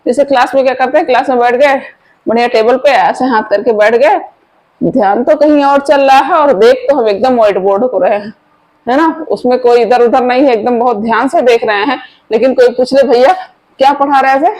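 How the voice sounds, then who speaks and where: A woman with a high, light voice giving an online chemistry lesson. She talks informally and keeps firing quick questions at her students, coaxing them to answer straight away. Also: darkish tone, low-quality recording. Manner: chatty, asks the viewers quick questions. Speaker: chemistry teacher.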